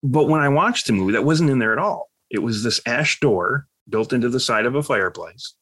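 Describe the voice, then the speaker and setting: A man co-hosting a podcast, chatting casually and telling stories in a rambling, animated way. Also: medium pitch, a little fast, no echo. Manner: rambling, animated storytelling with quoted voices. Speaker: podcast co-host. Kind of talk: casual chat.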